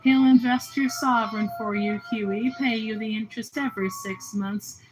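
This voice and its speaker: A woman's voice: fairly high pitch, steady tone, moderate pace, music in the background, natural voice, rough recording. A woman reading the lines of a young man who teases his friend in a jovial, bantering way. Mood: teasing. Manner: teasing and jovial.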